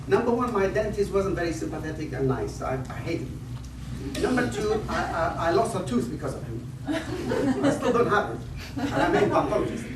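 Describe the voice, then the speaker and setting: This invited conference speaker, a man in his fifties from northern Iraq, has a high-pitched, very animated voice at normal speed. He begins his lecture with wandering personal stories, jokes at his own expense and many restarts. Captured in a lecture hall, the audio is echoey, distant-miked and noisy in the background.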